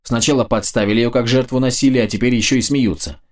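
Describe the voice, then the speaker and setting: A man narrating a fantasy audiobook in a steady, measured storytelling manner. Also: medium pitch.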